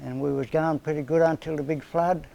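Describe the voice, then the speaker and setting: Brisk and slightly high, with noticeable vocal fry, an elderly Australian in his seventies from northern New South Wales recounts his life during an interview. He's a community elder and a rambling, plain-spoken storyteller who leans on everyday slang in relaxed, casual conversation. The recording is low quality.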